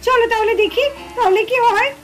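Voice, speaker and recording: A woman narrating a doll cartoon, telling the story in a lively way and speaking straight to the viewer. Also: very high-pitched, fairly quick, slight background noise.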